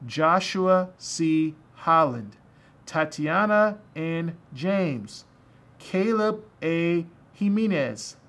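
A man formally reading out graduates' names one by one in a slow, measured way for a virtual commencement. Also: a little high, fairly bright tone. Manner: slow, measured, evenly paced name reading. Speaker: commencement name reader. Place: recorded voice-over for a virtual ceremony.

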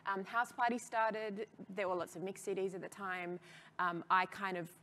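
A woman's voice: medium pitch, steady tone, normal speed, pushed and bright, a little hiss or hum. An Australian woman in her thirties from rural Australia, telling her career story in a casual interview, chatty and often laughing. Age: 30s. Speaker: guest, DJ and label founder.

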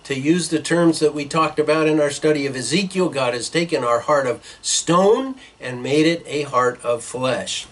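Husky-voiced middle-aged pastor preaching. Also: male voice, fairly high pitch, normal speed, few pauses, rough recording. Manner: earnest teaching tone with frequent uh fillers, gesturing with hands. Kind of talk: sermon. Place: small church office with bookshelves, indoors.

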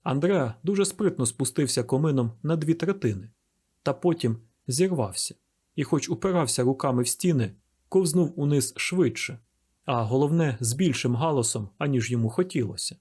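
A man's voice: mid-range voice, animated, normal speed, a little mellow, slightly rough. A man narrating an audiobook of a classic novel with a vivid, dramatic reading. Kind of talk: scripted narration.

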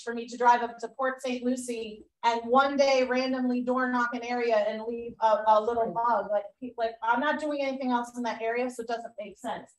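A woman with a Boston accent leading a real estate training class, chatty and loose with fillers and restarts. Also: a little high. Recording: echoey room, mic far off.

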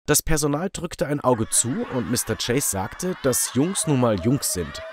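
Guy narrating a story, super lively up and down voice, mid pitch. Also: measured pace, a little hiss or hum. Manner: animated, expressive reading.

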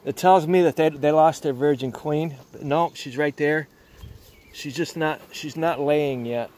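An older man chats about beekeeping while handling his hives outdoors in a yard, demonstrating casually as he goes. He speaks unhurriedly in a fairly high, slightly mellow voice, rambling and often starting over.

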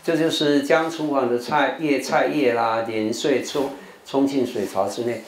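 In a televised vocabulary lesson, an older Taiwanese monk with a Taiwanese Mandarin accent teaches English words, has his audience repeat after him, and occasionally switches to Taiwanese Hokkien. He speaks at normal speed in a steady, medium-pitched voice within a roomy hall with faint background noise.

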